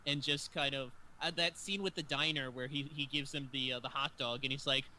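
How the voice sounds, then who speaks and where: A man hosting a casual film chat, animated and given to acting out scenes. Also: medium pitch, a little fast, a little hiss or hum. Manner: animated, acts out scenes in raised voices. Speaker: host.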